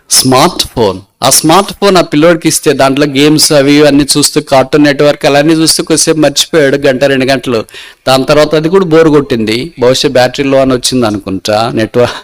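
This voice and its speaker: A man with a Telugu accent preaching a sermon, telling a story in an animated way and giving the lost child and the kind man voices of their own. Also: mid-range voice.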